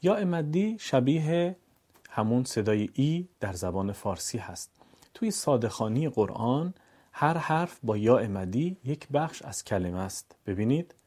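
Male Quran teacher, warm low-bright tone, patient lesson delivery, stretches syllables in drills. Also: very animated. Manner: stretches example syllables slowly and chants them. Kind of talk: recorded lesson, calm explaining with drawn-out drills.

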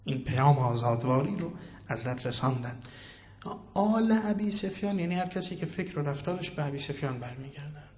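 A man giving a Quran commentary sermon, swinging between hushed and loud declaiming and posing questions he then answers himself. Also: on the high side, animated. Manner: asks and answers his own questions. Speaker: preacher. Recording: reverberant hall, dull lo-fi sound.

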